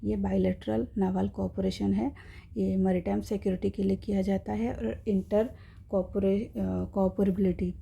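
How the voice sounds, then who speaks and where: A woman's voice: medium pitch, little pitch movement, moderate pace, gravelly, mellow, husky. A woman teaching an exam-prep lesson, explaining step by step in Hindi with English terms and checking in with her viewers.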